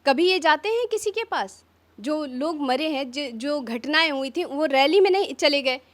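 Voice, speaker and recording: Fiery high-voiced woman politician. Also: lively intonation. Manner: fiery, rapid rhetorical questions. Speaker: opposition politician. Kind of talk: impassioned press interview.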